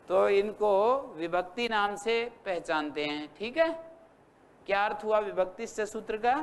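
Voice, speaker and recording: With a high, clear, resonant voice, the man runs a classroom lecture on Sanskrit grammar. He patiently questions students, uses repetition, and slowly spells out word forms one by one.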